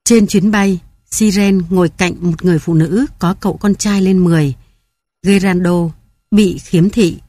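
A woman reading an audiobook in a calm, measured narration. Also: lowish voice, no room sound.

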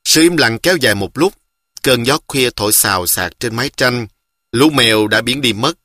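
A man reading a story aloud in a slow, deliberate, emotive way. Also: medium pitch, bright, forceful tone, dry recording, clean studio sound. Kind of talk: scripted story narration.

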